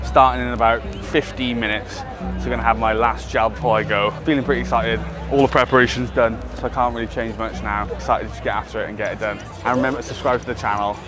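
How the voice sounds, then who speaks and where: A British man chats to mates and camera in a mid-pitched voice. He is blokey and swears freely, outdoors with city noise and music behind him. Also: steady tone, quick pace. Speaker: vlog host and race runner. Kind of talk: casual sweary banter to friends and camera. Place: outdoors in a street before a race.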